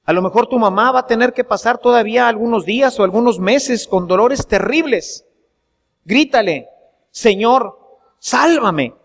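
A man's voice: very high-pitched, normal speed, vocal fry, in a large hall. A priest preaching a sermon to his congregation, earnest and full of rhetorical questions.

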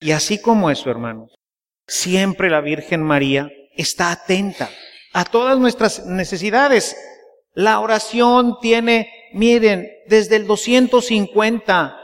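Priest preaching in a casual, chatty way, high voice, lots of church reverb. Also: male voice, unhurried. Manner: folksy storytelling, keeps asking the congregation to agree. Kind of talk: sermon.

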